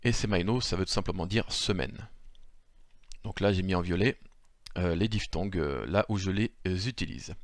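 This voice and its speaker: Man, improvised lesson, low voice, hesitant, many filler sounds, dry close sound. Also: normal speed, dry recording. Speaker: language teacher. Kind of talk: improvised screen-share lesson.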